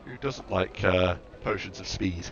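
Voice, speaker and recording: A man's voice: low voice, a little slow, a bit bright. A man casually commenting while playing a game and reading its text aloud, offhand and musing. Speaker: let's-play host. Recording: muffled lo-fi mic with background noise.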